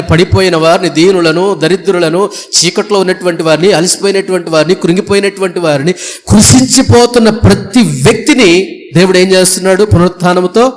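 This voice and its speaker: High-pitched guy preaching in church, emphatic, repeats lists and keeps asking the crowd questions. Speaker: pastor. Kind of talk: Easter sermon. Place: church before a congregation.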